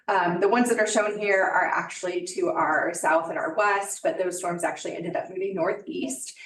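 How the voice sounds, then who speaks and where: An American woman speaking as a township spokesperson, giving an informal, plain-spoken public service advisory and explaining things step by step. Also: lowish voice. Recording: roomy, echoey, distant microphone.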